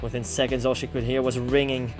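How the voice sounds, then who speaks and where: This man's voice is medium-pitched and a little mellow, fairly quick with little pitch movement. He's a gaming host reading a visual novel out loud and chiming in informally with slang while game music with guitar plays.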